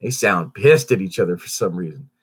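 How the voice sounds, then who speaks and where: A man's voice: deep voice, brisk, breathy edge. A man hosting a casual morning update for his channel, sounding stuffy and under the weather, rambling with many fillers and restarts. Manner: animated, swoops up on greetings. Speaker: YouTube channel host.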